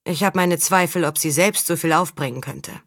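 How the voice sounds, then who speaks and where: A woman's voice: lowish voice, normal speed, a bit bright, no room sound, studio quality. A woman reading a world-weary male mercenary of about forty, blunt and sceptical. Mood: calm, frank. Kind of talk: audiobook character reading.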